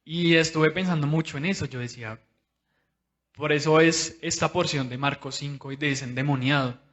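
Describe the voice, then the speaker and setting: A man's voice: fairly high pitch, normal speed, fairly bright tone. Man preaching with a dull, lo-fi sound. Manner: conversational, personal preaching, addressing listeners directly. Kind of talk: sermon.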